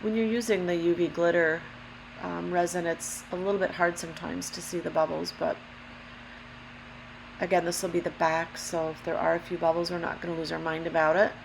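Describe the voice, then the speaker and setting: A woman hosts a relaxed craft tutorial in a low, gravelly voice roughened by allergies. She explains each step casually and carefully, taking her time. A noticeable mechanical hum runs behind her speech. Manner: unhurried, careful explaining with apologetic asides. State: allergy-affected voice, throat clearing. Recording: steady background hum, lawnmower noise. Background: lawnmower and hum.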